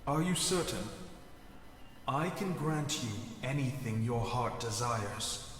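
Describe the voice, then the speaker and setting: A man's voice: mid-range voice, lively intonation, slow, fairly bright tone. A man playing a solemn otherworldly harbinger of judgment in a video game, speaking in formal, grandiose pronouncements. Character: solemn male otherworldly harbinger who judges the world. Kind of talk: scripted video game acting. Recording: echoey hall-like reverb.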